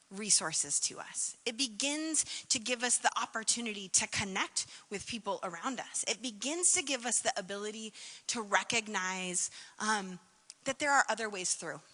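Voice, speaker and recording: A woman's voice: mid-range voice, sharp tone, long reverb tail. A woman giving a conference keynote in a conversational, reflective way, full of "like" and "um" fillers. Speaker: keynote speaker.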